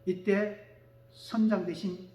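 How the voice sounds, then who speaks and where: A male pastor delivers a sermon in a very high voice, dropping to quiet asides and then rising to shouted declarations. He keeps calling for amens from the congregation. The sound rings around an echoey church sanctuary. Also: little pitch movement, slow pace. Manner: calls for amen from the congregation.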